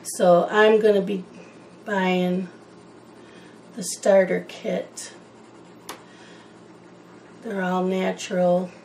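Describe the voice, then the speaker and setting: A woman's voice: fairly low pitch, level tone, drawn-out words, gravelly, long pauses, a little mellow, slight background noise, poor audio. A woman chatting in a rambling, casual way while she colors, wandering from one topic to the next. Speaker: coloring channel host.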